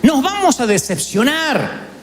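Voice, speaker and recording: A man's voice: extremely high pitch, measured pace, a little hiss or hum. A man preaching a sermon, telling stories with humor. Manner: animated storytelling with humor.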